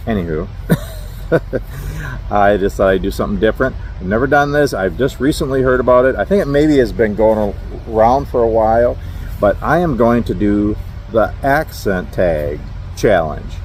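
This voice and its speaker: A middle-aged man with a Minnesotan accent, a trucker who vlogs, talks casually to camera from his truck parked at a rest area, wandering off topic and chuckling at himself often in a self-deprecating way. His voice is lowish with a darkish tone, and there's slight background noise.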